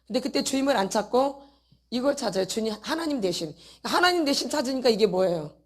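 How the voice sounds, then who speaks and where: A woman with a high-pitched voice gives a church teaching talk to a congregation. She keeps checking in with her listeners through rhetorical questions and slips into a casual voice to act out inner thoughts. She repeats key words to drive her points home. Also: expressive, brisk. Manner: asks the audience many rhetorical questions.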